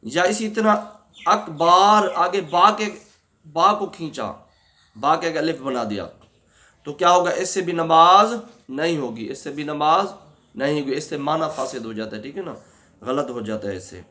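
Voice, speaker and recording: A man teaching a religious lesson on prayer rules, often asking and answering his own questions and slowly drawing out words to show their pronunciation. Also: on the high side, animated, pushed and bright.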